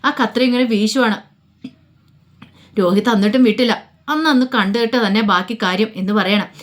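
A woman narrating a dramatic story in a casual, colloquial way. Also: medium pitch. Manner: rapid, casual retelling.

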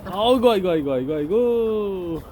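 High, lively man chatting at his dogs. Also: normal speed, crowd noise. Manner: chatty, laughs often, keeps scolding and calling to the dogs. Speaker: dog owner filming his dogs. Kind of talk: casual running commentary to camera.

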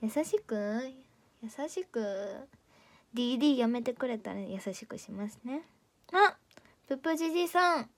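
Playful Kansai teen girl, somewhat high. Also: lively intonation, normal speed. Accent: Kansai Japanese. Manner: playful and teasing, chatty. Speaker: idol audition candidate streaming live. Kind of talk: casual livestream chat reading viewer comments.

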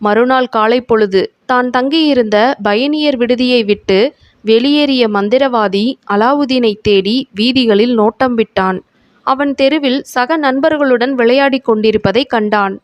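A woman reading a folk tale aloud in steady, scripted narration. Her voice sits fairly high and is recorded close and dry. She keeps an even storytelling pace. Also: dry recording.

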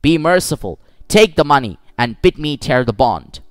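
Shrewd disguised young woman counsel read by a man, firm and measured, lively lilt. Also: fairly high pitch, no echo, lightly acted. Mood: stern. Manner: firm, measured courtroom pleading.

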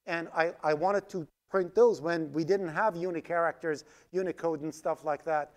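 A programming instructor whose first language is Farsi gives a live coding lecture, typing code on screen and checking in with "right?" as he explains. His voice is a little high, steady, and moderately paced, captured as a screen recording with a voice-over mic.

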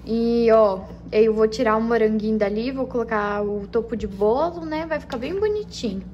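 A woman's voice: a little high, normal speed, dull audio, slight background noise. A young Brazilian woman vlogging at home in a chatty, casual way, full of cute diminutives. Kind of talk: casual vlog chat.

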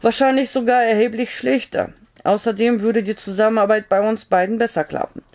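Woman reading injured male doctor, calm, matter-of-fact, gravelly, audiobook. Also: on the high side, brisk, pitched above the performer's own voice, close to an everyday voice. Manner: sober, matter-of-fact instructions.

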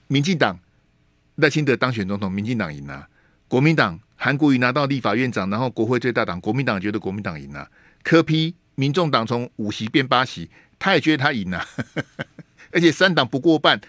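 A man hosts a radio show in a studio, his mid-range voice fairly bright and his accent Taiwanese Mandarin. He argues political points emphatically, leaning on rhetorical questions and dropping in Hokkien vocabulary. Recorded on a studio microphone, the audio is studio quality with no room sound.

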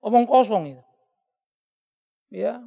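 A male pastor preaching a sermon in an animated way, often acting out the voices of the people he quotes. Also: sits high, slow pace, creaky, big-room sound, muffled recording. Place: church hall.

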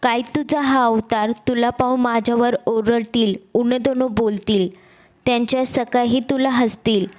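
A woman's voice: fairly high pitch, fairly even intonation, measured pace, a little mellow, natural voice. A woman voicing an anxious palace maid who speaks in a worried, pleading way.

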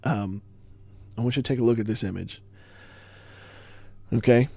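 A man's voice: medium pitch, moderate pace, vocal fry, darkish tone, dry recording. A man giving a casual board game review, rambling with wry asides and breaking off mid-thought.

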